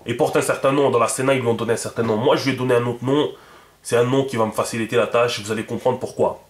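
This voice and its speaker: A man's voice: mid-range voice, steady tone, fast talker. Man teaching in an echoey room. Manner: thinks aloud, many fillers and repeated words, checks in with listeners. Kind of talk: casual explanatory lesson.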